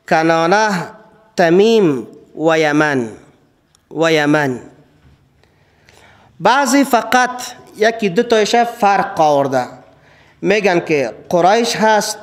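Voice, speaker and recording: A man speaking with an Afghan Dari accent gives a classroom lesson on scripture, with a fairly high voice. He talks slowly and repeats key words. He lifts his voice to stress points. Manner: slow, deliberate listing. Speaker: religious teacher. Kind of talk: classroom Quran lecture.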